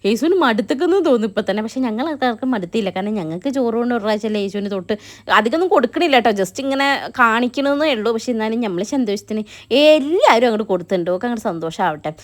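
A woman's voice: fairly high pitch, animated, rapid-fire. A young woman, narrating her family vlog as a chatty voice-over and often tagging on a friendly 'you know'. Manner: chatty, keeps adding 'you know' tags. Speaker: family vlogger.

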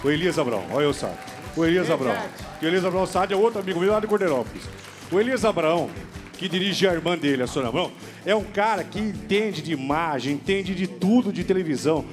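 A man hosting a TV variety show, excitedly calling out to guests and audience. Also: a little high, fast. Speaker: TV host. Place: TV studio. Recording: music playing behind.

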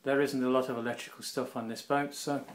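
A man giving a relaxed, offhand walkthrough of his boat, pausing with the odd uh, recorded on a handheld camera in a shed and a small cabin. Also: mid-range voice, heavy background noise. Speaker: boat owner giving a tour. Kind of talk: casual walkthrough narration. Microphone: handheld camera or phone.

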